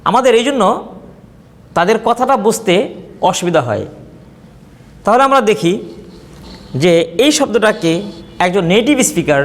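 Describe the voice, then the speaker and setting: Male English teacher with a Bangladeshi accent, lively pitch, drills words slowly, reverberant room. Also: a little hiss or hum. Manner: repeats example words slowly, contrasting pronunciations. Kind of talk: spoken English lesson. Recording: long reverb.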